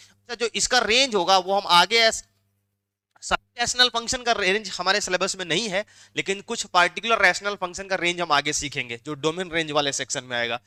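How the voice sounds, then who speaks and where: Bright, high-pitched math teacher. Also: male voice, clear, resonant tone. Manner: prods students for answers, repeats questions. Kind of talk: interactive classroom lecture.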